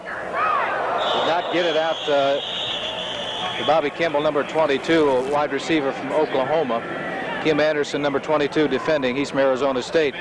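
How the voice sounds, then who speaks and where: American male sportscaster, slightly high voice, live football calls through heavy stadium noise. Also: sing-song, normal speed, long pauses. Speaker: play-by-play sportscaster. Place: indoor stadium broadcast. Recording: very noisy 1970s TV broadcast. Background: loud stadium noise.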